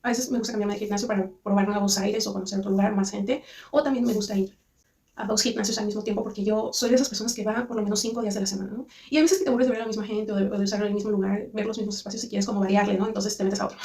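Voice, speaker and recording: A woman's voice: mid-range voice, fairly even intonation, rapid-fire, darkish tone, far from the mic. A young Mexican woman with a Mexican accent telling a personal story in a rambling, chatty vlog monologue full of restarts. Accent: Mexican Spanish. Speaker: vlogger.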